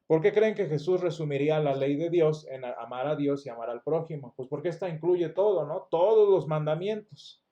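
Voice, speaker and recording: A man's voice: fairly high pitch, lively intonation, normal speed, hardly any pauses, highs cut off. A man teaching a Sunday school lesson, explaining patiently and asking the class rhetorical questions. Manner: restarts words often. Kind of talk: church Bible lesson.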